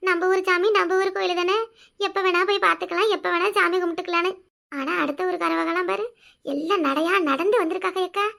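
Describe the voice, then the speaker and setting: Brief: woman voicing a quick-tempered village woman for a cartoon, Kanyakumari Tamil accent, very high and bright. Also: fairly even intonation, gravelly, heavily acted. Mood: scolding. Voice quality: shrill, scolding.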